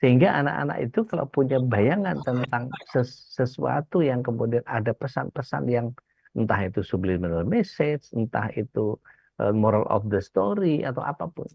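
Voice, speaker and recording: A man's voice: medium pitch, expressive, moderate pace, gravelly, breathy edge, no room sound. A male preacher speaks in a casual, chatty way, telling stories and acting out their characters as he goes. The recording is dry and a little dull. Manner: storytelling, acts out quoted characters. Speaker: Islamic preacher. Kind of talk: casual religious talk.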